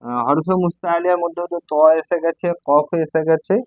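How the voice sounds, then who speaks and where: Man teaching, spelling syllables slowly. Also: a little high, dry recording, low-quality recording. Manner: spells letters slowly and repeats syllables for learners. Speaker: Quran recitation teacher. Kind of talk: step-by-step recitation lesson.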